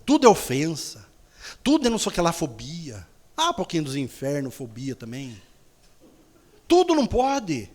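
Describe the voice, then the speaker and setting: Lively, teasing woman preaching with humor. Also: fairly low pitch. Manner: playful storytelling, acts out voices, blunt teasing.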